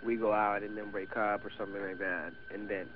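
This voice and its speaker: A man's voice: on the low side, little pitch movement, brisk. An eighteen-year-old man with a Venezuelan Spanish accent, a native Spanish speaker, talking casually and hesitantly in an interview, with many restarts. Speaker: guest actor. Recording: tinny phone-like radio audio with faint hiss.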